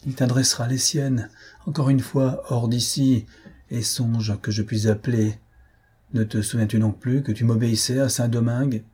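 A man voicing a jealous, furious young marquis who shouts in rage and scorn. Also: mid-range voice, fairly even intonation, normal speed, breathy edge, natural voice.

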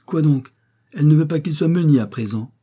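A man voicing a coarse, sharp-tongued old peasant woman in an audiobook, indignant and harsh. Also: mid-range voice, fairly quick, slightly rough, pitched above the performer's own voice, natural voice. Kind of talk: audiobook character voice.

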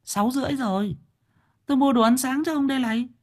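A man voicing a worried middle-aged village wife, shrill and nagging, in an audiobook. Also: quick pace, darkish tone. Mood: fussing.

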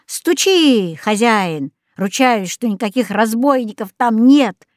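A woman's voice: a little high, expressive, slow pace, no room sound, studio quality. A woman voicing a talking dog that leads the group, brusque and commanding. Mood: bossy. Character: gruff bossy dog, the group's leader.

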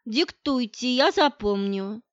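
A woman reading the lines of a gruff, flustered, boastful grey-haired middle-aged man in an audiobook, speaking curtly and grumbling. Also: on the high side, animated, slow pace, no room sound, dull audio. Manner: curt, grumbling.

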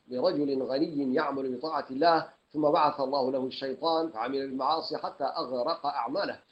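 A man from Sudan, a sheikh teaching Quran commentary, reading a classical text aloud, reciting verses slowly and often repeating phrases. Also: fairly high pitch. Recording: dull lo-fi lecture recording.

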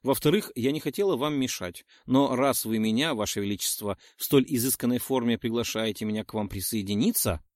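A man reading aloud and voicing a dignified, sharp-tongued mother who answers with caustic wit. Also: mid-range voice, a little fast, few pauses, no room sound, studio quality, close to an everyday voice. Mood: dignified, wry.

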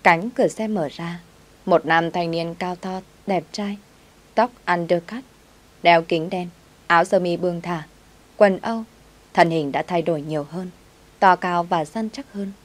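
A woman narrating a story in a measured, expressive way. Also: fairly low pitch.

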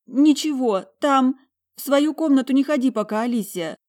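A woman reading an audiobook voices a tearful young woman who pleads and sobs in a high, loud voice. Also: animated, moderate pace. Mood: sobbing, pleading. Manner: sobbing, pleading and shrill.

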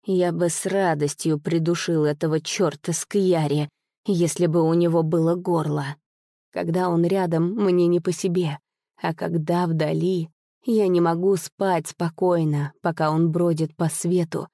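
A woman's voice: fairly low pitch, fairly even intonation, unhurried, mellow, no room sound, clean studio sound. A woman voicing a whimpering, frightened aging nobleman. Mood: fearful. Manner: pleading, whimpering.

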